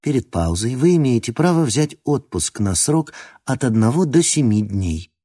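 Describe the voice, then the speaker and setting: A man reading an audiobook who voices a woman speaking in a cold, metallic, machine-like voice, with flat, clipped, mechanical questions. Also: mid-range voice, moderate pace, breathy edge. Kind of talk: audiobook narration.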